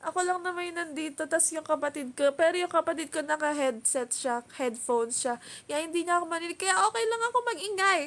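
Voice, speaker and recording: A woman's voice: extremely high pitch, brisk, a bit bright. A woman with a Filipino accent hosting a casual live stream from home, giggling and chatting as she reads viewer comments into her phone. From Philippines. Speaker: livestream host.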